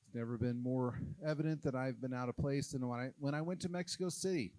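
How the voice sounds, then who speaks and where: A stand-up comic from Oklahoma works a live stage in a mid-pitched voice, close on the mic with a dry, dead sound. He stumbles through his bits with lots of "uh"s, mocking himself as he goes. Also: dark tone, dry recording. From Oklahoma, USA. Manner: halting, self-deprecating, with frequent uh fillers. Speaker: stand-up comedian. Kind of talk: stand-up comedy set.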